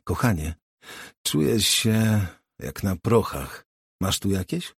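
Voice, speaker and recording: A man's voice: fairly low pitch, sing-song, slow, creaky, breathy edge, no echo, clean studio sound, exaggerated voice. A man voicing a restless young man in an audiobook, asking short, clipped questions. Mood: tense. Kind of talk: audiobook character voice.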